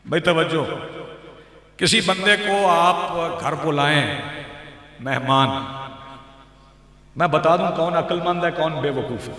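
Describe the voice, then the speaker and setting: A man's voice: fairly high pitch, slow pace, pauses often, sharp tone. A man with a Pakistani Urdu accent delivering a sermon at a religious gathering, speaking to listeners by name and building to emphatic recitation. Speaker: Shia cleric giving a majlis. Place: large outdoor gathering with PA. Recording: echoey, reverberant public address sound.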